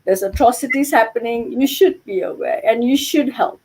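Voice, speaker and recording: Middle-aged woman guest, higher voice, earnest and chatty, headset mic. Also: normal speed, darkish tone, slightly rough, low-quality recording. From Malaysia. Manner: earnest, many "you know" and "okay" asides. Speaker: guest, yarn dyer. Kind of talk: casual video-call interview. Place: home room with yarn shelves. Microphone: headset on video call.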